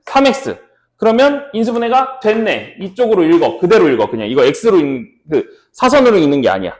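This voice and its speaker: A man's voice: high-pitched, sing-song, a little fast, a little mellow, reverberant. A man teaching a math class, walking students through factoring step by step and checking in with them often. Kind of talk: classroom lecture.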